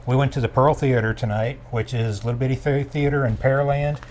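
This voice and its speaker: A man's voice: medium pitch, steady tone, a little fast, over a noisy crowd. A middle-aged man hosting a casual theater review chat, folksy and repetitive as he talks. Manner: chatty, repeats himself, folksy.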